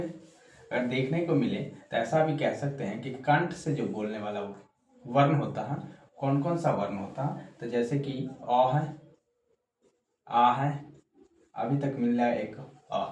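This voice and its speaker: A man with a Bihari Hindi accent giving a casual exam-prep lesson, repeating points slowly and checking in with the class. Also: medium pitch, a little mellow. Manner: slow, repetitive, frequent "ठीक" check-ins. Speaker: teacher. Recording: roomy echo, faint background noise.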